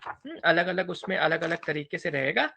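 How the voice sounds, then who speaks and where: A male lecturer teaching a class in two languages with a bright, clear voice. His delivery is playful and animated, full of quick check-ins with the students. His pitch rises and falls freely. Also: slight background noise. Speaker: university English lecturer.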